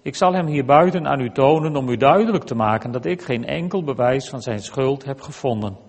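A man reading the measured, questioning words of a stern middle-aged Roman governor. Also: medium pitch, animated, darkish tone, husky, in a large hall.

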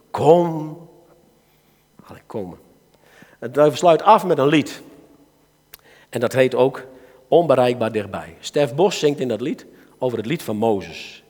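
A man with a Dutch accent preaching a sermon to a church gathering, swinging between soft asides and loud calls to his listeners. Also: mid-range voice. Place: church hall. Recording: reverberant hall.

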